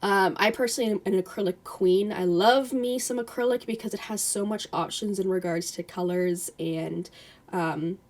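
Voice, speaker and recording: A young woman giving a casual, chatty voice-over nail tutorial, with lots of fillers and a slightly hoarse voice. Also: mid-range voice, normal speed. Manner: chatty, filler-heavy, self-deprecating.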